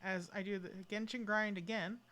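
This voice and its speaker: A woman chats through a live game stream in a rambling, playfully over-the-top way as video game music plays in the background. Her voice is medium-pitched and a bit bright, with fairly even intonation at a moderate pace.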